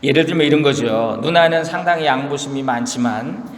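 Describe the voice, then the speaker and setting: A male pastor giving a sermon in a lively, conversational storytelling manner. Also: mid-range voice, a little fast. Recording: echoey hall reverb.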